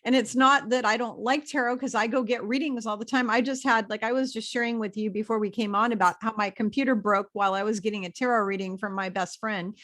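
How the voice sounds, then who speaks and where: A woman's voice: fairly high pitch, fairly even intonation, quick pace, hardly any pauses, a bit bright. A woman guest who talks about her spiritual work in a chatty, enthusiastic, rambling way. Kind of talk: casual video interview chat.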